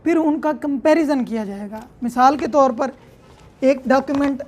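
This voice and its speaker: This woman has a high-pitched, darkish voice, a Pakistani accent, and a normal speaking speed. In a didactic law lecture, she explains legal text by reading it aloud and paraphrasing it, frequently adding check-in tags.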